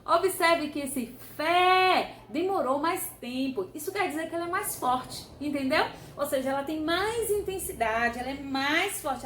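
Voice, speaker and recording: A woman's voice: high-pitched, a bit bright. A woman teacher, patiently explaining a grammar revision lesson and often checking that the listener follows. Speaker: Portuguese teacher. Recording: roomy echo.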